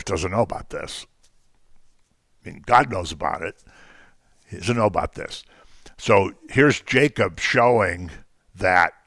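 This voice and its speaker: Deep-voiced man teaching a Bible class. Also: a bit bright, no echo, studio quality. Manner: conversational, jokey asides, frequent ums. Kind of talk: informal Bible class lecture.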